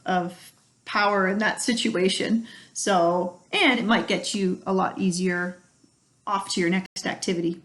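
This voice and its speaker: A middle-aged woman, an early childhood educator, giving parents practical advice in a friendly way and illustrating each point with everyday examples. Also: medium pitch. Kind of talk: instructional talk to parents.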